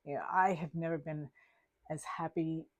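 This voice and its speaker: A woman in her fifties with a notably low voice co-hosts a relaxed podcast conversation. She talks in a reflective, easygoing way and laughs often. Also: moderate pace. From Denmark. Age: 50s. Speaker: podcast co-host, therapist. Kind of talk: casual chat.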